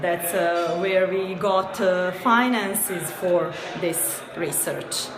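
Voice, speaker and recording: A woman's voice: fairly low pitch, drawn-out words, over music. A woman from Serbia with a Serbian accent, answering interview questions hesitantly with many fillers and small laughs. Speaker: guest, company co-founder. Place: noisy event venue. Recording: echoey busy venue with crowd.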